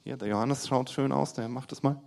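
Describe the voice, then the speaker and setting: Young man, sermon, punchy emphatic delivery then hushed asides, addresses the congregation directly, church hall. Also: mid-range voice, brisk, creaky. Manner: lively, swings between loud emphasis and quiet asides, talks to the congregation directly. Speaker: preacher.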